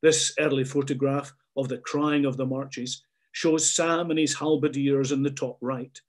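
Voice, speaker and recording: A man's voice: medium pitch, flat delivery, unhurried. A man reading a scripted documentary narration.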